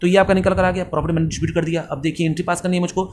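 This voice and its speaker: Fast-talking high-voiced male teacher. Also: level tone, slight background noise. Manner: fast-talking, asks questions and answers them himself. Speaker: accounts teacher. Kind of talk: fast classroom lecture.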